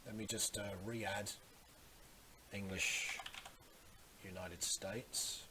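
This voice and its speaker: A man giving a casual, conversational computer tutorial with some hesitation, recorded on a hissy boom microphone. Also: drawn-out words. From Australia. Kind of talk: casual screen tutorial narration. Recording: loud steady microphone hiss.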